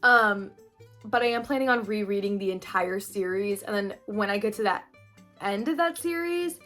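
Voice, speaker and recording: A woman's voice: medium pitch, moderate pace, a bit bright, faint music behind. A woman in her twenties chatting casually in a book vlog, upbeat and thinking aloud with lots of "like"s. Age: 20s. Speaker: booktuber.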